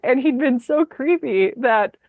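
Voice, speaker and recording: A woman's voice: sits high, expressive, measured pace, no room sound, phone-quality sound. A woman hosting a podcast, chatting casually and telling a story with frequent laughs. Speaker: podcast host. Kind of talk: casual conversation.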